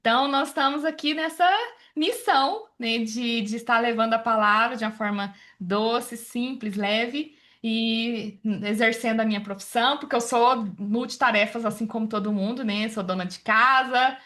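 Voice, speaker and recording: Woman in her 40s from goiás on a video call, talky, bright and a bit high. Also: moderate pace. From interior of Goiás, Brazil. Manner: chatty, warm, religious, many fillers like "né". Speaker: workshop participant. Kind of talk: self-introduction on a video call.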